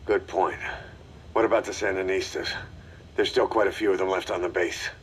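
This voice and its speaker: An actor playing a gruff mercenary leader in a video game, giving a grave, terse, commanding briefing. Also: male voice, sits low, fairly even intonation, normal speed, slight background noise, lightly acted. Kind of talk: video game voice acting, mission briefing dialogue.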